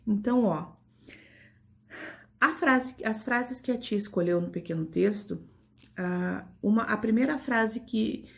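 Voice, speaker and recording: A woman's voice: mid-range voice, a little slow, gravelly, long pauses. A woman primary school teacher with a Brazilian Portuguese accent, giving a patient, affectionate online grammar lesson to children.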